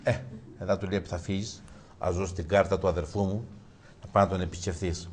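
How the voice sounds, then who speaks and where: A man telling jokes in a chat, acting out the characters and going high and loud at the punchlines. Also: fairly even intonation, a little hiss or hum. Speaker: joke teller.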